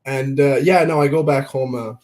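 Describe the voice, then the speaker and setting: A young man born in Belgium answering interview questions in a relaxed, plain-spoken way with fillers. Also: medium pitch, moderate pace. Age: young adult. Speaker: junior hockey player guest.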